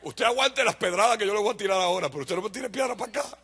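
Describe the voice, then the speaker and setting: Very fast and husky, a Dominican pastor with a Dominican Spanish accent preaches animatedly to a congregation. He asks and answers his own questions, shouting some points for emphasis, then sinking to a low aside.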